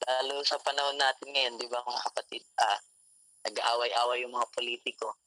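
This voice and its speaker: A man's voice: medium pitch, little pitch movement, normal speed, pushed and bright, no room sound, low-quality recording. A man giving a Taglish sermon at an online devotion, often repeating "mga kapatid" to his listeners. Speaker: youth devotion speaker. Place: home, online meeting room. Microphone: call mic.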